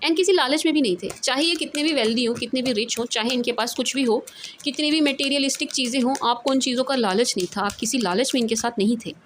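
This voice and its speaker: A woman's voice: high voice, quick pace, slight background noise. A woman giving a casual tarot reading to camera, switching between Hindi and English. She repeats her points for emphasis and often breaks into laughter. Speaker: tarot reader. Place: away from her usual recording spot.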